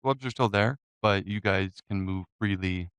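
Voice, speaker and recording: A man runs a tabletop game as game master, taking his time and dropping in frequent "um"s. His voice sits low and comes through smooth and resonant, with a dry, close sound and no room around it. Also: fairly bright tone, no echo. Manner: unhurried, with frequent "um" fillers.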